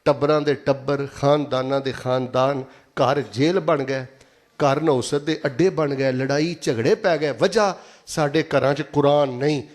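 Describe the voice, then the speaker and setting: A man's voice: medium pitch, fairly even intonation, unhurried. A man with a Pakistani Punjabi accent preaching a sermon, emphatic and repetitive, prompting the congregation to answer aloud.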